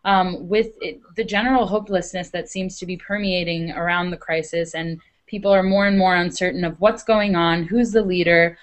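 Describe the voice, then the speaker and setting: A woman's voice: fairly low pitch, steady tone, moderate pace, few pauses. A student woman asking a long, hesitant question in a video call.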